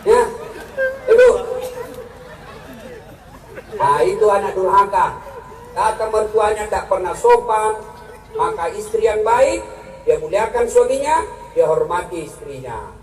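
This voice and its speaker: High-voiced joking preacher man. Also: unhurried, pauses often. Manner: joking, animated, acts out quarrels in high and low voices. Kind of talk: humorous sermon to a live audience. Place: large hall with a live audience. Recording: echoey, from far off, crowd and noise behind.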